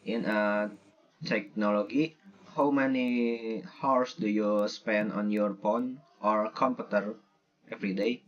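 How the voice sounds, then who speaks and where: Slow-talking young man, halting. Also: on the low side, steady tone, lo-fi sound. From Indonesia. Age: young adult. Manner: halting, with many fillers. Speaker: student interviewer. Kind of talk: casual interview for a class assignment.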